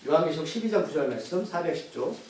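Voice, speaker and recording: High-voiced pastor, echoey from afar. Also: male voice, lively intonation, fast talker, darkish tone, a little hiss or hum. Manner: asks the congregation questions and answers them. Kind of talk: sermon. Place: church. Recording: echoey church hall from far off.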